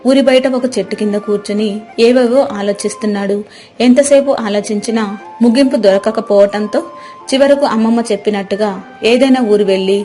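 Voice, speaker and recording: A woman narrating a cartoon moral story in a steady, sympathetic way. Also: medium pitch.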